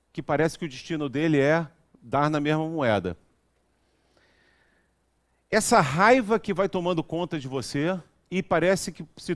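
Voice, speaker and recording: A man delivers a relaxed spiritual talk in a somewhat high voice. He tells everyday anecdotes and keeps checking in with his listeners in a chatty, storytelling manner. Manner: chatty, storytelling, frequent asides asking the audience. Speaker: lecturer at a spiritist center.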